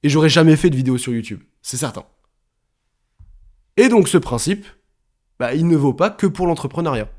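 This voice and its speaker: A man's voice: fairly high pitch, animated, normal speed, pauses often, a little mellow. A young man hosting a casual solo podcast, chatty and self-deprecating, with many fillers and restarts. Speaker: podcast host.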